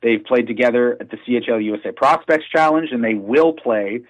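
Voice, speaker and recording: A man's voice: mid-range voice, fairly quick, low-quality recording. A man, a hockey team's PR director, talking eagerly in a radio interview. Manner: enthusiastic, talks in bursts with fillers. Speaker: hockey team PR director and play-by-play announcer.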